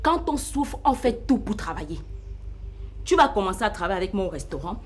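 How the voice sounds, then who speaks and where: A proud, firm wife and elder sister, played by a woman with a Cameroonian French accent. She speaks in a dismissive tone with a lively pitch over faint music. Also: brisk, slight background noise, natural voice. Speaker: wife and restaurant owner.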